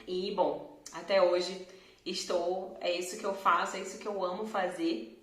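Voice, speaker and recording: A woman teacher from Brazil with a Carioca accent, explaining pronunciation slowly and clearly and drawing out example words. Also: on the low side, steady tone, a bit bright. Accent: Carioca Brazilian Portuguese. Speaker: Portuguese teacher. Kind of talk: pronunciation lesson to camera. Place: room at home, in front of a door. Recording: echoey room.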